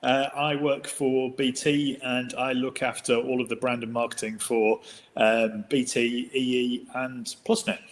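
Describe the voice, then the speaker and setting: A man's voice: mid-range voice, little pitch movement, unhurried. A man, a marketing executive, answering an interview question hesitantly with many restarts. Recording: long hall reverb.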